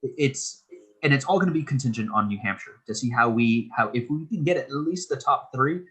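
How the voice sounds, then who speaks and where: Forceful husky man in his thirties. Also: mid-range voice, lively intonation, a little fast, poor audio. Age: 30s. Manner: earnest, explains at length with many restarts. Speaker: political candidate, interview guest. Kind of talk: casual interview talk.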